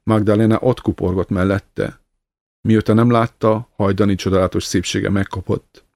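Egy férfi nyugodt, kimért hangon olvas fel egy irodalmi elbeszélést. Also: male voice, lowish voice, vocal fry, no room sound. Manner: calm, measured reading. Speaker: narrator. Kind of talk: scripted narration of a literary story.

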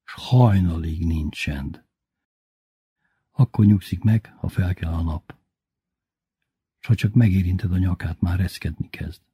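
A man reading a first-person story aloud in measured, unhurried narration. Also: low-pitched, mellow, husky, no room sound. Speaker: audiobook reader.

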